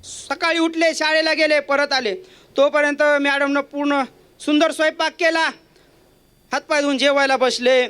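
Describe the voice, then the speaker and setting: A man's voice: extremely high pitch, flat delivery, normal speed, bright, forceful tone. A man preaching a kirtan sermon, telling a comic household story in a playful, jokey way. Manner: playful, jokey, acts out voices.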